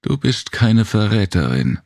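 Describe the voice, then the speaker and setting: A man voicing a watchful, older grey-haired male worker in an audiobook who states facts flatly. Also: fairly low pitch, a little slow, creaky, no room sound, studio quality, voice pushed up, exaggerated voice. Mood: matter-of-fact. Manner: factual, neither pity nor scorn. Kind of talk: audiobook character voice.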